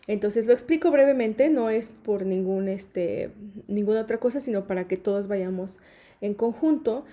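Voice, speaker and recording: A woman teaches English grammar in a patient, repetitive way, checking in often with her students. Her voice sits a little high but sounds mellow and warm. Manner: patient, repeats points with "¿sí?" and "¿ok?". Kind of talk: explaining grammar.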